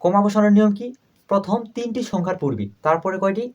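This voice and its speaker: Man, teacher, slightly high-pitched, patient drill style, poses and answers his own questions. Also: dull audio. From Bangladesh. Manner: asks and answers his own questions, repeats numbers slowly. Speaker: math teacher. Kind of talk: step-by-step math lesson.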